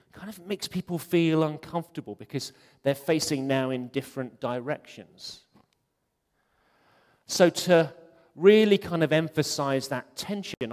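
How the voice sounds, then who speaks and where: A man's voice: medium pitch, a little mellow. A man giving a conference talk, chatty and joking, with many ums. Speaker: conference speaker. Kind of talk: conference talk on web design. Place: conference hall. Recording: long hall reverb.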